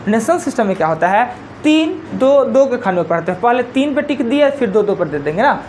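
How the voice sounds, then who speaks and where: A woman's voice: fairly high pitch, very animated, brisk, a little mellow, a little hiss or hum. A woman teacher with a Bihari Hindi accent gives a live classroom lecture. She explains step by step, counting digits aloud and repeating her key points.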